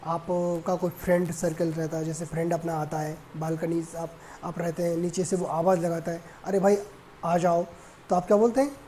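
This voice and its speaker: A woman's voice: fairly low pitch, fairly even intonation, brisk, warm tone, slight background noise. A woman teaches spoken English to beginners, explaining short phrases through everyday examples. She acts out little exchanges and often checks in with the class. She moves back and forth between Hindi and English.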